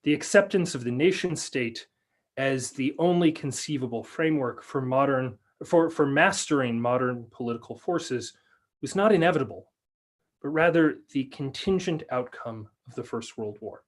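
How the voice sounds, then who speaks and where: Over a video call, a lecturer and researcher with a mid-range voice reads a prepared paper in measured tones. When questions come, his answers fill up with fillers and restarts.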